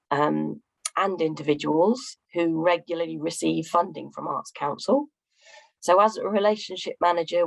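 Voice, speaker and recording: Female panel speaker, deep-pitched, hoarse and croaky with a gravelly fry. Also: rough recording. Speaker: arts funding relationship manager. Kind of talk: spoken self-introduction at a panel.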